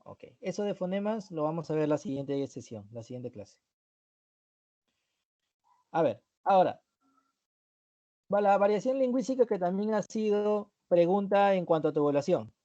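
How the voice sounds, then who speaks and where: Dark-voiced man teaching a lesson. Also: high-pitched, lively intonation, normal speed, pauses often, muffled recording. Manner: explanatory, repeats key terms, checks in with "¿sí?". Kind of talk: online class review lecture.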